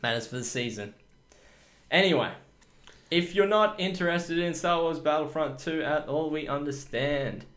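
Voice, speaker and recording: A man's voice: fairly high pitch, normal speed, fairly bright tone. A man co-hosting a casual gaming podcast, chatty, with dry sarcastic asides. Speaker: podcast co-host. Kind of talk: casual chat.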